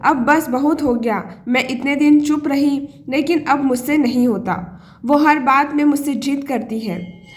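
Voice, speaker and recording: A woman voicing an angry, stubborn elderly mother-in-law who scolds in sharp retorts. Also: sits high, a little slow.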